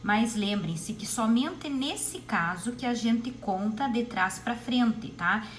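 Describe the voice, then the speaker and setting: A woman's voice: fairly high pitch, animated, takes it slowly, poor audio. A woman, teaching a recorded lesson to primary school pupils and repeating key terms patiently.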